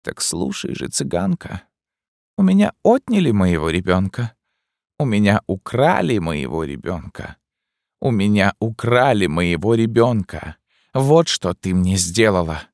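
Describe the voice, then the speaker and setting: A man voicing a raving, grieving middle-aged recluse mother in an audiobook, slow and bitter. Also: lowish voice, big pitch swings, gravelly, darkish tone, dry recording, studio quality, voice pushed up, full character voice. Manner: slow, bitter and frantic by turns. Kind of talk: audiobook character voice.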